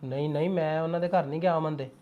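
A man's voice: on the high side, fairly even intonation, narrow, tinny audio, lightly acted. An actor playing a young Punjabi farmer with a Punjabi accent, talking with his mother and wife in a family drama. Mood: calm. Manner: fast, assertive, dismissive when irritated. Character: young Punjabi farmer, stubborn, short-tempered husband. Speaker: young farmer son and husband. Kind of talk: Punjabi web drama acting.

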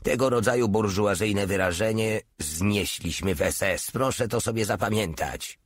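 A man's voice: on the low side, moderate pace, natural voice. A man reading an audiobook, voicing a bullying, pompous male SS general who barks harsh orders. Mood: harsh, barking.

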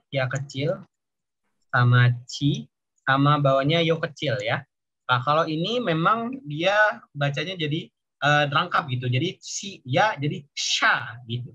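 Male language mentor, bright and forceful, slightly husky, relaxed tutoring over a dull video call. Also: a little high. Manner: explains patiently, tags most sentences with a questioning "ya". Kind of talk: casual online class teaching.

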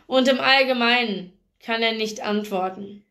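A curt, scornful cowboy who snaps out his words slowly and coldly, voiced by a woman reading a novel aloud. Her voice sits fairly high even for the part, and each line lands with clipped, growling contempt. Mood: surly. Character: surly hostile male cowboy, curt and scornful.

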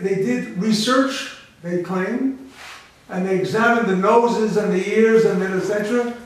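A man from the United States, a rabbi giving a public lecture with emphatic rhetorical questions. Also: high-pitched. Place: large echoey library hall. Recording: echoey hall from far off.

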